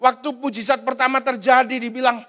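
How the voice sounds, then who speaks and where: A man with a notably high voice preaches a sermon for an online prayer service. His delivery is casual and colloquial, like chatting with the congregation. He briefly voices the people he quotes before returning to his own telling. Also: flat delivery, brisk, sharp tone. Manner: conversational, colloquial preaching with slang; acts out quoted voices in passing. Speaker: pastor.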